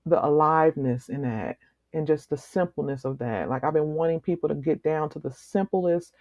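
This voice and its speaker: A woman guest speaking slowly and earnestly in a reflective, meditative conversation. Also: deep voice, no room sound. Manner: slow, meditative, earnest with soft laughs. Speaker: author guest. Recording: slightly muffled lo-fi recording.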